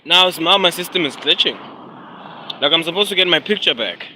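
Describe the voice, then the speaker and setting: A man's voice: on the high side, expressive, fairly quick, pushed and bright, slight background noise, low-quality recording. A South African man, a rapper and vlogger, chatting casually and rambling on a phone live stream from a neighborhood street. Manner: rambling, slangy, apologetic about glitches.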